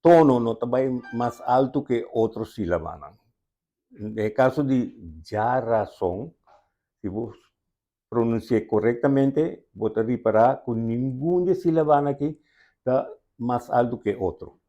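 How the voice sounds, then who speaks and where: A man's voice: mid-range voice, lively intonation, a little slow, mellow, muffled recording. A man with a Curaçaoan accent, a language expert patiently explaining spelling rules step by step in an interview.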